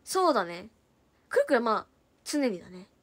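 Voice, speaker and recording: Young woman, high voice, fast casual livestream chatter, Hiroshima dialect flecks. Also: big pitch swings, no room sound. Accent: Hiroshima dialect in places. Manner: chatty, quick-talking, reads viewer comments aloud and thanks them. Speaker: idol livestreamer reading comments.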